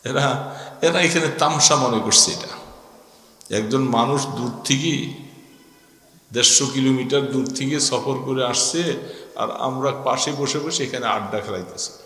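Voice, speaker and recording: A man's voice: mid-range voice, unhurried, pauses often, bright, forceful tone. A man with a Bangladeshi accent preaching a stern, admonishing Islamic sermon, putting rhetorical questions to his listeners. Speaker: Islamic preacher at a religious gathering. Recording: echoing PA sound with long reverb.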